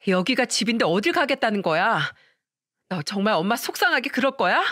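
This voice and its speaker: A woman's voice: medium pitch, big pitch swings, brisk, bright, forceful tone, dry recording, studio quality. Woman playing a young divorced mother. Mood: scolding.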